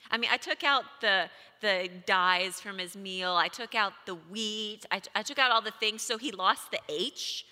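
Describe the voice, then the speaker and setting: Bright-voiced woman telling stories in a hall. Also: medium pitch, a little slow, hardly any pauses. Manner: animated, acts out dialogue, rises to shouting. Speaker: speaker. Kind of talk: motivational storytelling talk.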